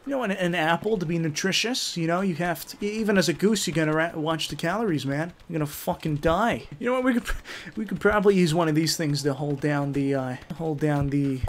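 A young man commentating a game in a rowdy, profane way, yelling taunts at the characters. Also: on the high side, slight background noise. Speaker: gaming YouTuber.

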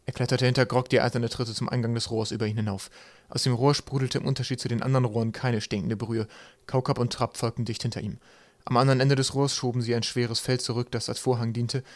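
Steady male audiobook narrator, dry. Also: mid-range voice, quick pace, dry recording.

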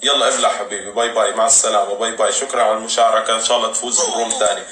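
A man doing fast, teasing live game commentary while hosting custom rooms and cheering players on. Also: lowish voice, flat delivery, slight background noise. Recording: roomy, distant mic, loud music.

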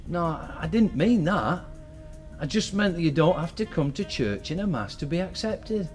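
A man's voice: fairly high pitch, sing-song, normal speed, faint music behind. A man who leads a church, playing himself in a comedy skit, talking casually with mild exasperation. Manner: casual, mildly exasperated, calls everyone mate. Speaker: senior church leader.

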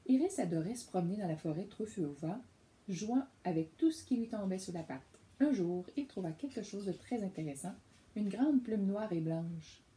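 A woman reading a children's picture book aloud, gently speaking to a child. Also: mid-range voice, animated, normal speed, rough recording. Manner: gentle, addressing a child directly. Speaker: reader.

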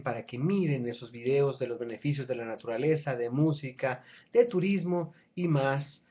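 A man, hosting his own channel and talking casually and persuasively to the camera from a small room at home, with frequent restarts and fillers. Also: a little high. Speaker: channel host. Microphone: webcam at close range. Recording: dull lo-fi webcam audio.

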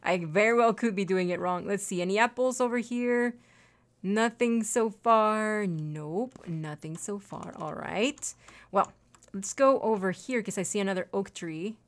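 A gaming channel host, a woman whose first language is Spanish, gives casual let's-play commentary in a mid-range, unhurried voice. She's chatty and apologetic, talking both to her viewers and to the animals and trees in the game.

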